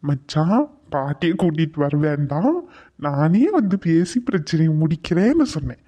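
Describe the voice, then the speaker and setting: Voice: medium pitch, animated, normal speed, warm tone, dull audio, lightly acted. A performer voicing a sarcastic young man in a cartoon who teases and threatens his friend. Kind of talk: cartoon voice acting.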